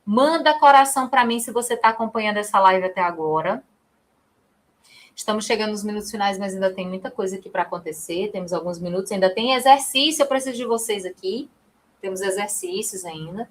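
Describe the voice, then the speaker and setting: A woman's voice: medium pitch, fairly quick. Chatty Brazilian woman teaching live. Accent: Brazilian Portuguese. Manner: chatty, reads chat, addresses students by name. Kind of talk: live online class.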